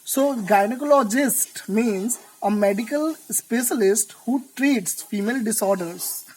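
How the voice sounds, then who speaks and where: Brief: woman teacher, measured, deliberate delivery for a vocabulary class. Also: fairly high pitch, a little mellow, breathy edge, low-quality recording. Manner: slow, deliberate explanations. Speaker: English teacher. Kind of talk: vocabulary lesson.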